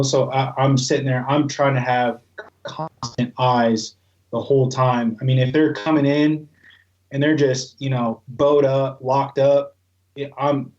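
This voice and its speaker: A man's voice: medium pitch, darkish tone, dull audio. A man talking casually as an interview guest, in a rambling, colloquial, conversational way. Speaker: guest, goose calling expert.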